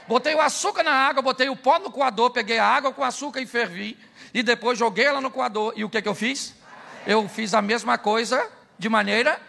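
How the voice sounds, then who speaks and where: A middle-aged Brazilian pastor with a high, gravelly voice preaches in a bright, sharp tone. He delivers a humorous sermon, tells stories and acts out every voice in them. He keeps checking in with his listeners, asking them yes-or-no questions. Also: fairly quick. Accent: Brazilian Portuguese. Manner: jokey, acts out dialogue, asks the crowd "sim ou não?".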